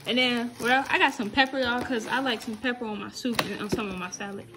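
A woman's voice: on the high side, fairly even intonation, quick pace, bright, forceful tone, faint music behind. A young American woman chatting casually and informally to viewers in slangy vlog style, recorded on a phone indoors. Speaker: vlogger. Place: indoors at home, bathroom and living rooms. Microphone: phone at arm's length.

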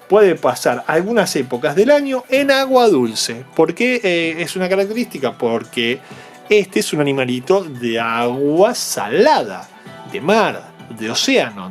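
A man, unboxing toys and patiently explaining them to young viewers, checking in with them all the time. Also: fairly high pitch. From Argentina. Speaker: toy unboxing vlogger.

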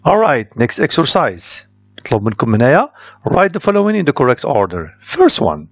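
Lively male teacher, dry sound. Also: mid-range voice, quick pace, dry recording. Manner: reads answers aloud, switches to Darija to explain. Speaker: English teacher. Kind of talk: test correction lesson.

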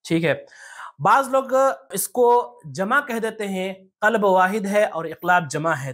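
A teacher giving a step-by-step lesson on reading the Quran. The teacher often asks rhetorical questions and spells out letter sounds slowly. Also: medium pitch, a bit bright. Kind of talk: tajweed lesson.

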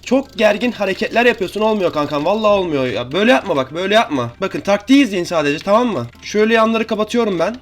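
A young man with a high voice rattles off quick, excitable gameplay commentary, chatting to his viewers and teasing opponents as he plays. Keyboard and mouse clicks tap away under his voice. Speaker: gaming youtuber.

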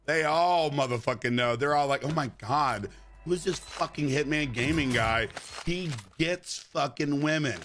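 A man livestreaming game commentary in a brash, animated frat-bro manner, swearing constantly and exclaiming. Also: on the high side, unhurried, slight background noise. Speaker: video game livestream host. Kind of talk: livestream gaming chat and commentary.

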